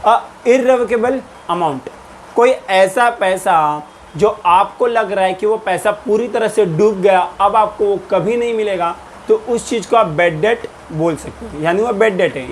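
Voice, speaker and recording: Guy teaching accounts, kinda high voice, asks then answers his own questions. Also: measured pace, slight background noise. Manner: explains in Hindi mixed with English terms, repeats and quizzes. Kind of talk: recorded lecture.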